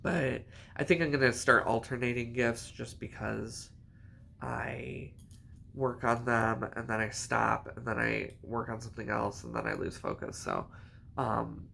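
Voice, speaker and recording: Man, very creaky gravelly voice, unhurried, rambling chatty knitting vlog, faint hum behind. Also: medium pitch, sharp tone. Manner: rambling, chatty, self-correcting. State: hiccups. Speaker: knitting vlogger. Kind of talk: casual chat.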